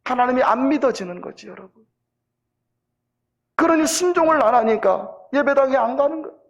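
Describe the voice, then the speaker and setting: High-voiced Korean pastor preaching. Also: male voice, expressive, creaky, lo-fi sound. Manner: emphatic storytelling, rising loud at peaks, slowing into solemn closing. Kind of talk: sermon. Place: church sanctuary.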